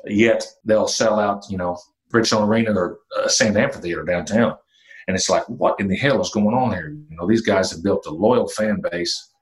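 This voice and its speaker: A fifty-year-old man, a country singer-songwriter telling stories in a relaxed interview, with fillers and the odd curse. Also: fairly low pitch, moderate pace, rough recording. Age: 50s. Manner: relaxed storytelling with fillers and mild cursing. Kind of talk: casual interview talk.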